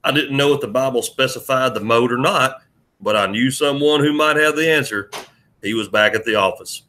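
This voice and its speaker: A man narrating a first-person audiobook in a steady storytelling read. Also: medium pitch, moderate pace, slight background noise.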